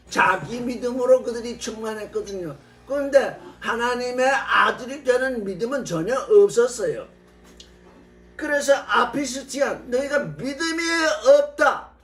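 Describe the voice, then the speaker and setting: 높은 음성의 남자 성경 교사가 설교한다. 오래된 녹음을 복원한 소리라 먼 거리에서 울리듯 들린다. 구절을 낭독하고 질문을 되풀이하며 해설한다. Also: male voice, extremely high pitch, fairly bright tone. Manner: reads verses aloud and explains them with rhetorical questions. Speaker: Bible teacher. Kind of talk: sermon. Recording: old restored recording, roomy and from a distance.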